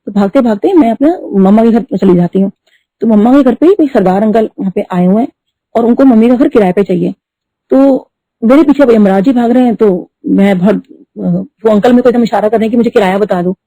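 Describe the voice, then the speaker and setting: A middle-aged woman telling a devotional story at a satsang, talking fast and mixing in English words. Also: a little high, warm tone, no echo. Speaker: devotee sharing testimony. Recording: dull lo-fi dry recording.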